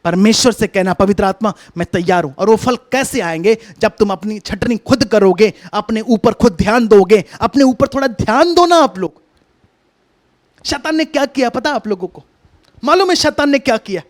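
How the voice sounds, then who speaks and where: A man with an extremely high-pitched, expressive voice preaches a sermon over a video call at a moderate pace, with a hands-on demonstration. He talks conversationally, coaxing his listeners and repeating his instructions.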